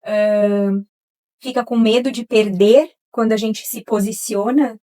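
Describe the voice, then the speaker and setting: A woman, co-hosting a casual podcast chat and telling stories in a quick, lively way. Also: a little high. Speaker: podcast co-host.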